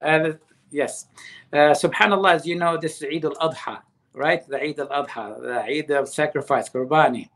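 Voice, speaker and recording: A man's voice: fairly high pitch, normal speed, a bit bright. A man as a religious scholar guest, explaining earnestly and weaving Arabic phrases into his teaching.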